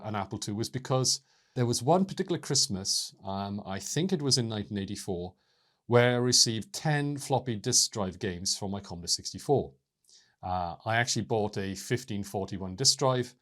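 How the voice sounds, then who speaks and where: Measured man in his fifties. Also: fairly low pitch. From South Wales. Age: 50s. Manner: measured and explanatory, with small hesitations. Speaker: channel host. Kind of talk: scripted talk to camera.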